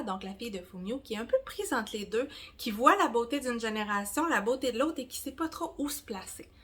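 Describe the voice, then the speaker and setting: A Québécois woman in her forties chats through her reading month in a casual, rambling way. Her voice sits a little high. She pokes fun at herself and sometimes drops into soft whispered asides. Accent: Québécois French. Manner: chatty and rambling, with self-mocking asides. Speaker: book vlogger.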